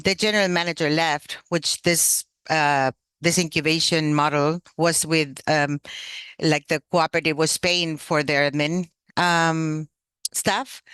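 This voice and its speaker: Man presenting, halting with fillers. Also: on the high side, a bit bright, clean tone, dry recording. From Chile. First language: Spanish. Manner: hesitant, many "um" fillers and restarts. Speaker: workshop presenter. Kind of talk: online workshop talk. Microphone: video call.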